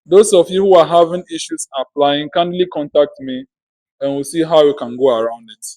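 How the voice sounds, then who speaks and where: Higher-voiced man making a formal announcement, dry sound. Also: moderate pace, darkish tone, no room sound, poor audio. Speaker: interim MP and outgoing parliament speaker.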